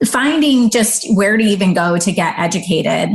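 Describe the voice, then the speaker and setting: A woman's voice: mid-range voice, animated, normal speed, gravelly. A woman hosting a podcast, asking her guest thoughtful, conversational questions. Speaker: podcast host. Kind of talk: interviewer conversation.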